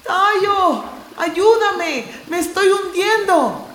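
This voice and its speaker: A woman voicing a small, frightened, childlike male heart creature who cries out in high-pitched panic. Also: expressive, drawn-out words, fairly bright tone, slight background noise, heavily acted. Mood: panicked. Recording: roomy with background music.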